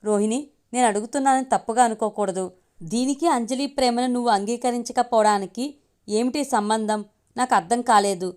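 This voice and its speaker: A woman reading the lines of a kindly middle-aged aunt in a storybook reading, gently coaxing and questioning. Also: fairly high pitch, fairly quick, close to an everyday voice. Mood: gentle.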